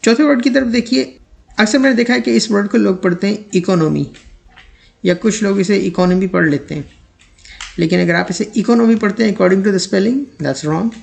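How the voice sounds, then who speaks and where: A man teaching English pronunciation, speaking slowly and deliberately on the model words and example sentences. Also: sits high, vocal fry.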